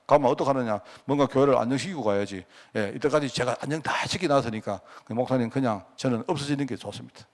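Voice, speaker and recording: Folksy Gyeongsang-accented pastor. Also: male voice, medium pitch, fast talker, few pauses. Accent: Gyeongsang Korean. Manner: folksy, anecdotal, chuckling asides. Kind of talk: storytelling sermon. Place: church sanctuary.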